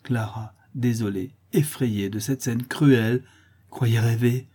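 A man reading a novel aloud as narrator, in a measured, dramatic way. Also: medium pitch, steady tone, warm tone, breathy edge. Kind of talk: storybook reading.

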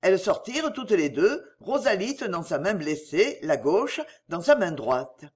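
Expressive woman reading a storybook. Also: on the low side, measured pace, slightly rough. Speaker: narrator. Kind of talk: audiobook narration.

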